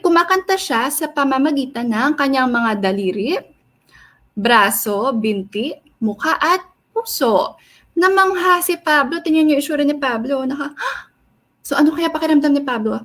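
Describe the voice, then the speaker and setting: Woman, young, high bright voice, animated kids' story reader who quizzes her listeners. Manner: expressive, sing-song, asks children questions. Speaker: storyteller reading to children. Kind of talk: animated read-aloud storytelling for kids.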